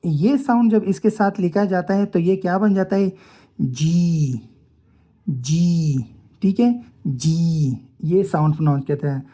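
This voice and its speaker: Woman teacher going over letter sounds, slow and low-ish, asks then answers herself. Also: warm tone. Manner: explains step by step, asks questions and answers them herself. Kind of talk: phonetics lesson.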